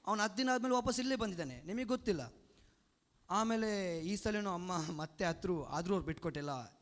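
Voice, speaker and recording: Fast-talking young man in an echoing hall. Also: high voice, lively intonation. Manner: earnest, emotional storytelling with restarts. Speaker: testimony speaker at a church retreat. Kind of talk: personal testimony. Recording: long hall reverb.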